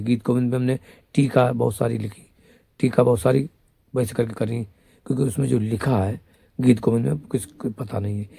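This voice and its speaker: A man's voice: mid-range voice, creaky, mellow, slightly rough, no room sound, clean studio sound. A man giving a rambling devotional talk as a spiritual guide, scolding and mocking his listeners between teachings, and speaking of himself as a female companion of the goddess. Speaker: devotional guru.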